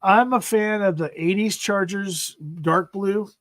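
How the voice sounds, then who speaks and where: A man's voice: sits high, measured pace, fairly bright tone, no echo. Rambling fifties man on a dry mic. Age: 50s. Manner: rambling, repeats "freaking", trails off mid-sentence. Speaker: livestream host. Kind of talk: casual sports chat.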